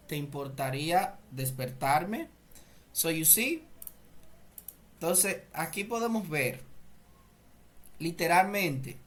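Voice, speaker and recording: A man whose first language is Spanish, teaching an English grammar lesson slowly and deliberately, repeating phrases and often clearing his throat. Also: sits high, fairly bright tone.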